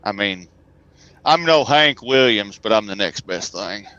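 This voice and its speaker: A man's voice: lowish voice, expressive, normal speed, sharp tone, muffled recording. A man, a truck driver, telling stories as a guest in a casual, folksy, joking way. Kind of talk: casual conversation, storytelling.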